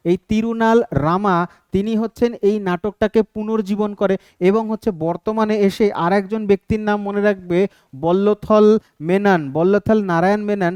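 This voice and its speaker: Walking students through exam prep step by step, a male teacher keeps pausing to ask "ঠিক আছে?" to make sure they follow. His voice is fairly high, clear and darkish, captured close and dry with almost no room echo.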